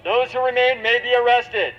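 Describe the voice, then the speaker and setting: A man's voice: very high voice, fairly even intonation, normal speed, dull audio. A man, a police officer, reads a stern, formal dispersal order amplified through a blasting sound cannon outdoors at a street protest.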